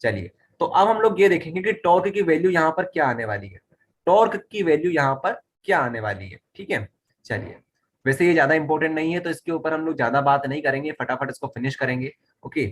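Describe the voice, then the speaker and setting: A man with a medium-pitched voice teaches a physics lesson at a whiteboard, repeating key phrases and frequently pausing to make sure students understand. There is a little hiss or hum in the recording.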